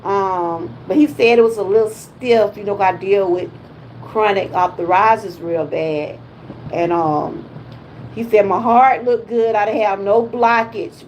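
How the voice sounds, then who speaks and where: On a rough recording with slight background noise, a fifty-something wellness vlogger from Georgia, USA, talks in a medium-pitched, somewhat mellow voice. Her Southern accent and folksy exclamations color the casual livestream chat.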